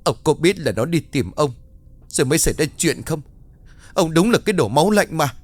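A man's voice: animated, moderate pace, darkish tone. A man doing a wailing, weeping mother. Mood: anguished accusing. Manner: wailing, pleading high voice. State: crying. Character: grieving mother, middle-aged woman, distraught.

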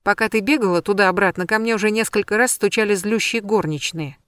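An anxious young woman, as an audiobook reader puts her on grumbles and then frets close to tears. The voice is middle-pitched and recorded dry and close. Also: fairly quick, fairly bright tone, smooth, no room sound, natural voice. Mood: grumbling. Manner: grumbling, then upset and tearful. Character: grumpy, anxious young woman, the heroine's friend.

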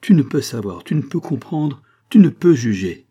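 A man's voice: on the low side, big pitch swings, normal speed, warm tone, breathy edge, full character voice. A man reading aloud and voicing an anguished noblewoman and mother, speaking in a raised, intense, pleading way. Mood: urgent.

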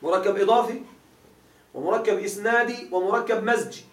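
A man's voice: high-pitched, brisk. A man teaching a grammar class, quizzing his students with repeated questions as he explains. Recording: echoey room, mic far off.

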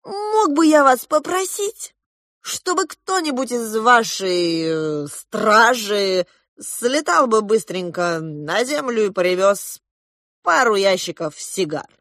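A woman reading aloud, voicing a fussy older man who pleads in drawn-out words. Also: a little high, animated, fairly bright tone, no echo, clean studio sound, pitched above the performer's own voice. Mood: pleading.

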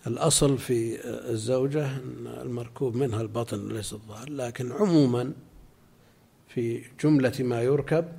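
A male religious scholar lectures his students on a legal text. His voice is husky and sits at an ordinary middle pitch. He explains step by step and stops now and then to answer questions. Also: mellow. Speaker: Islamic scholar teaching a class.

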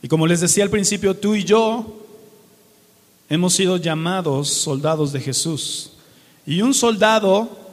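High-voiced Mexican preacher in a reverberant hall. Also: male voice. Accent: Mexican Spanish. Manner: rhetorical questions to the congregation, colloquial. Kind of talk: sermon.

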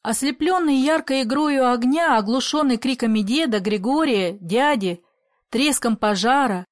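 A woman reading a classic story aloud in a measured, expressive storytelling voice. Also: a little high, no echo, studio quality. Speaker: audiobook reader. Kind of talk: literary audiobook narration.

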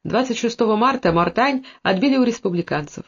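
A narrator reading a historical novel aloud in measured, scripted narration. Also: medium pitch, expressive, vocal fry, slightly rough. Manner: measured storytelling. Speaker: audiobook narrator. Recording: dull lo-fi audiobook recording.

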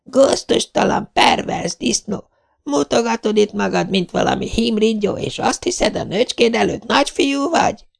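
A man voicing an angry old woman who hurls insults at a driver. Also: full character voice. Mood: furious. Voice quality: gravelly, husky, high. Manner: insulting, scolding.

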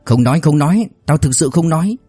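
A man's voice: fairly high pitch, animated, fairly quick, mellow, husky, soft background music, voice pushed up. A man voicing a cornered middle-aged official who snarls through gritted teeth. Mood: denying. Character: middle-aged male local official, bullied, furious and cornered.

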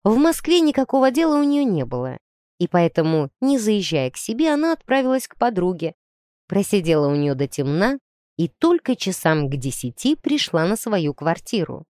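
A woman narrating a children's story in an expressive storytelling manner. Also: medium pitch, normal speed, no room sound, studio quality. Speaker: audiobook narrator. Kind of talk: scripted narration.

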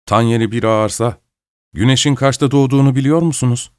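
A man's voice: mid-range voice, quick pace, a little mellow, clear, resonant tone, dry recording, clean studio sound, lightly acted. A man voicing a polite young male student making courteous small talk. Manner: courteous, chatty.

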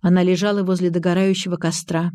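A woman reading a novel aloud as an audiobook narrator, in calm, measured scripted narration. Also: on the low side, no room sound, studio quality.

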